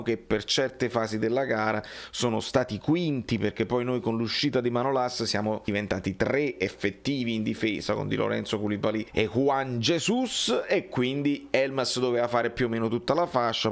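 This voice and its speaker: A man giving casual, animated post-match football commentary for his channel, chatty and joking with viewers. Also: medium pitch. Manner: chatty, animated, repeats words, jokes with viewers.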